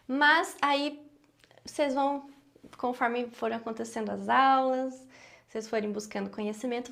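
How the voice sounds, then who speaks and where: Brazilian woman teaching a singing class. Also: on the high side. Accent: Brazilian Portuguese. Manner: patient and explanatory, often checking in with the class. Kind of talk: online singing lesson.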